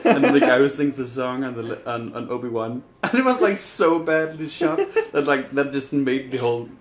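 A man's voice: medium pitch, expressive, moderate pace, echoey room, a loud crowd. A young man chatting casually over a horror game, rambling and swearing, often restarting his sentences. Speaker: let's play commentator.

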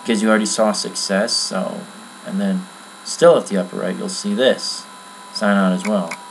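A man giving a casual, rambling screen-recorded software tutorial from his computer at home, with many fillers. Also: lowish voice, steady tone, moderate pace, vocal fry, a little hiss or hum, low-quality recording. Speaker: tutorial maker.

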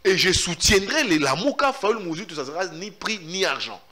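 A Congolese-accented man answers in an interview, speaking emphatically and repeating himself as he insists on his point. His voice sits a little high and swings widely in pitch. The tone is bright and forceful. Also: sing-song, brisk. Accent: Congolese French. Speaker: journalist, interviewee. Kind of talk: animated interview answers, mixing in Lingala.

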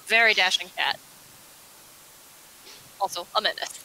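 A woman's voice: mid-range voice, measured pace, pushed and bright, a little hiss or hum, rough recording. A woman chatting casually and playfully during a game session, often breaking into laughter.

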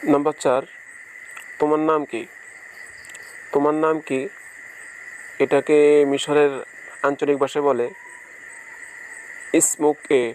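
Guy teaching phrases real slow, says everything twice, slight hiss behind him. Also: on the high side, level tone, low-quality recording. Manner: slow, repeats each phrase. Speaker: language teacher. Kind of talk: phrase-by-phrase language lesson.

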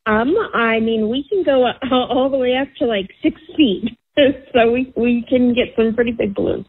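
Store clerk: woman, slightly high husky voice, casual, on dull phone line. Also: normal speed. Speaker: balloon store worker on a call.

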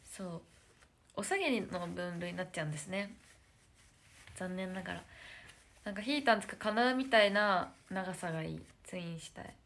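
A young woman with a lilt, an idol streamer, chats casually to viewers on a phone livestream, searching for words and slipping into whispered asides. Her voice is on the low side with a fairly bright tone.

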